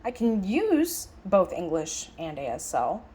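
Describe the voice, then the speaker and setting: With a lowish, slightly mellow voice, huge pitch swings, and a slow pace, a woman voices a signed lecture as a sign language interpreter. Her style is conversational and reflective, full of musing, emphatic phrasing, and rhetorical questions.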